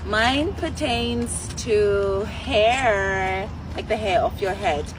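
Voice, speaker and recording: A woman co-hosting a video outdoors, speaking in a slow, deliberate, friendly way. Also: mid-range voice, far from the mic. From South Africa. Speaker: video co-host. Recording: outdoor street noise clearly audible.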